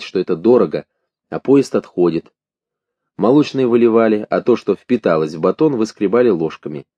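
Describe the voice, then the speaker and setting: A man narrating a literary audiobook in measured, expressive short phrases. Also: deep voice, no room sound. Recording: dull lo-fi dry recording.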